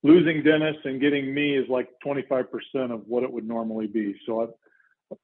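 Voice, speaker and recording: A man in his fifties with an American accent and a medium-pitched voice, talking casually as a podcast guest. He comes across as polite and modest, on a slightly dull, lo-fi recording. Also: little pitch movement, a little fast. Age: 50s. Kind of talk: casual chat.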